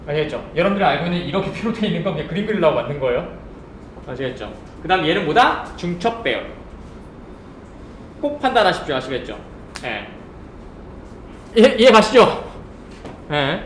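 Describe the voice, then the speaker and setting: A man's voice: high-pitched, fairly bright tone, reverberant, a little hiss or hum. A man teaching a programming class, asking his students rhetorical questions and checking that they follow along. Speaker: programming instructor. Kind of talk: live coding lecture.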